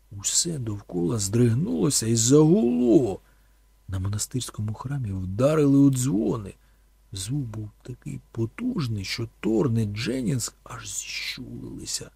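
A man's voice: mid-range voice, gravelly, darkish tone, slightly rough, no echo. A man narrating an audiobook in a dramatic, storytelling manner.

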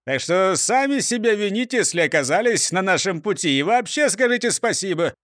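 A bossy, boastful fire chief who puffs himself up, as a man reading a storybook puts him on. His lines come raised and lively, and the sound is close and dry. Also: high-pitched, a little fast, dry recording, pitched above the performer's own voice. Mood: self-important. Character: pompous self-important male fire chief.

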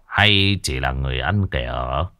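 A man voicing a stern, grave older exorcist in a ghost story, speaking slowly and quietly. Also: rumbling low, lively intonation, no echo, studio quality, pitched below the performer's own voice, full character voice. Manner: slow, grave, measured.

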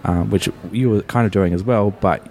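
A podcast host with a very low, mellow voice. He rambles through his questions in a loose, casual way, padding them with ums and uhs. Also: moderate pace. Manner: rambling, chatty, many fillers. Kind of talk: casual interview.

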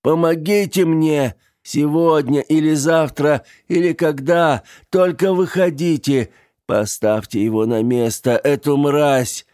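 A man's voice: medium pitch, slow pace, gravelly, warm tone, no echo, clean studio sound, pitched above the performer's own voice. A man voicing a frail dying old man who cries out and pleads for help. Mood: desperate cries. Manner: pleading, crying out, wheezing.

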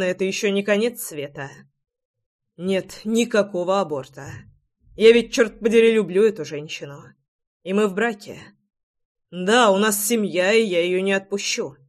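A woman voicing a furious, jealous young husband who shouts accusations at his wife and then mutters to himself in an audiobook. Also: mid-range voice, normal speed, close to an everyday voice. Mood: brooding.

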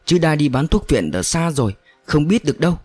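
A man's voice: on the high side, big pitch swings, a little fast, darkish tone, husky, dry recording, soft background music, pitched above the performer's own voice. A reckless, lovesick young man in a storybook reading, pressing his case ardently, as a male narrator plays him. He keeps insisting. The recording is dry and close. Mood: insistent.

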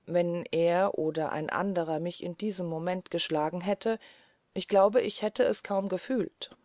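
A woman reading a classic novel aloud as an audiobook narrator, calm and even. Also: on the low side, unhurried, no echo, studio quality.

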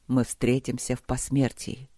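A loyal court mage speaks in a storybook battle, voiced by a man. He pitches his voice a bit lower, quiet, measured and formal. The sound is dry and close. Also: completely flat delivery, dry recording, close to an everyday voice. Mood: solemn. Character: loyal court mage, calm, solemn and sorrowful.

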